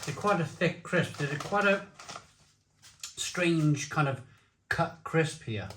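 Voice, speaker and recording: A man's voice: on the high side, lively intonation, slow pace, noisy background. A man giving a casual, rambling review to camera, repeating phrases for emphasis. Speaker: beer and snack reviewer. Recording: roomy echo.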